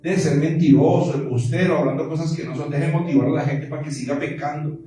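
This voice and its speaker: A man's voice: fairly high pitch, fairly even intonation, fast talker, mellow, slight background noise. A man preaching a fervent sermon, calling on the congregation to repeat his words. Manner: fervent, call-and-response with congregation. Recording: echoey distant church room recording.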